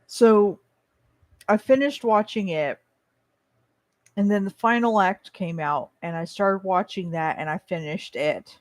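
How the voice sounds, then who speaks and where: Slow, blunt rambler chewing while talking. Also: mid-range voice, no echo. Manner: blunt, opinionated, swearing. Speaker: vlogger. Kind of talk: casual rambling chat.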